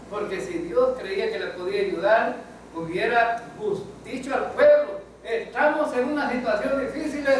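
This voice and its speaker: A man's voice: extremely high pitch, a little hiss or hum. A man preaching a Bible study sermon as pastor, often asking the congregation questions. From El Salvador. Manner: asks the congregation questions, repeating "¿verdad?". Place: church. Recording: echoey church hall, mic at a distance.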